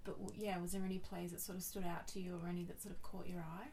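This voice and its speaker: A woman interviewer asking gentle, halting questions. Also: lowish voice, level tone, slight background noise. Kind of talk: oral history interview.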